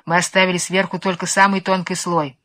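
A woman voicing a male mole who speaks from under the ground, in a muffled, low and slow voice. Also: level tone, a bit bright, lightly acted. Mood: steady.

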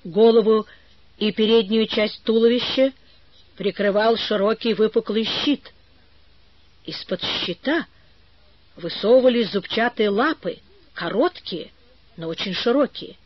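A woman narrating an adventure story as an audiobook, in a measured storytelling manner. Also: a little high, no room sound, lo-fi sound. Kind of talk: audiobook reading.

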